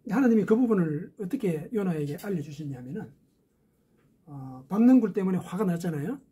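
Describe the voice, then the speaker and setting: A man's voice: sits high, animated, brisk, mellow, husky. A man preaching a sermon as a pastor, explaining step by step with rhetorical questions.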